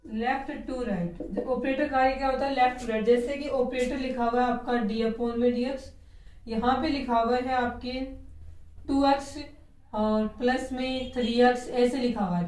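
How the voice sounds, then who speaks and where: Woman teacher, somewhat high voice, recorded from a distance, step-by-step explanation. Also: a little mellow. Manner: explains step by step and asks rhetorical questions. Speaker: chemistry teacher. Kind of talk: classroom lecture. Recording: echoey room, voice from a distance.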